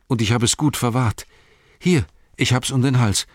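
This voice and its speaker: A man's voice: mid-range voice, moderate pace, no room sound, studio quality, voice pushed up, close to an everyday voice. Sam, a man voicing a loyal earnest hobbit. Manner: earnest, protective. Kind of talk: audiobook character voice.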